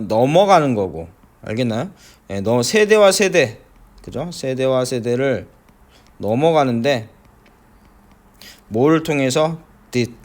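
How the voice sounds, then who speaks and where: A middle-aged man teaching an English listening lesson, breaking down phrases slowly with many fillers and frequent checks that students follow. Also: mid-range voice. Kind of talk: classroom lecture explaining pronunciation.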